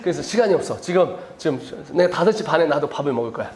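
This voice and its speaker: A male missionary giving a lively, chatty lecture to teachers and laughing at his own jokes. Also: fairly high pitch, fast. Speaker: missionary speaker at a teachers' seminar. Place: indoor seminar room. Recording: echoey lecture hall.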